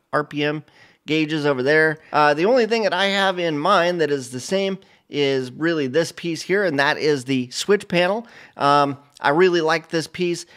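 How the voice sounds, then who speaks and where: A middle-aged man hosting a casual flight simulator video, talking over a screen share in a relaxed, rambling way full of fillers and restarts. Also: a little high. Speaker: flight sim channel host. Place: home studio, indoors.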